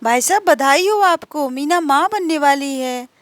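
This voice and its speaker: A caring neighbor auntie in a homemade doll story who fusses over a crying child and soothes her, as a woman narrator puts her on. She speaks high and unhurried, in a dry, close sound. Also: lively intonation, dry recording. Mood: concerned. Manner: fussing, comforting.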